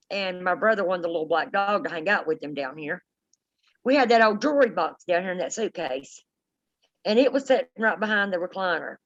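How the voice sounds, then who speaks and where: A middle-aged woman with a folksy, informal way of talking, chatting and telling stories casually as host of a paranormal live stream. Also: medium pitch. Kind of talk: casual chat and storytelling to live viewers. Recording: dull, lo-fi live stream audio.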